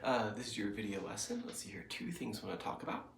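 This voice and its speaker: A guitar teacher with a cold sounds congested as he gives a student a casual recorded lesson in his home music studio. His low, gravelly voice swoops wildly in pitch at a quick pace, and his explanations ramble, stuffed with fillers. The room echoes, with a little hiss or hum.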